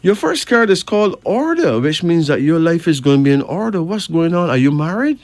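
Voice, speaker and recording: A man's voice: fairly high pitch, big pitch swings, a little fast, a little mellow, no echo. A man from Barbados, chatting and reading cards, emphatic with rising questions. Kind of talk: casual chat and card reading.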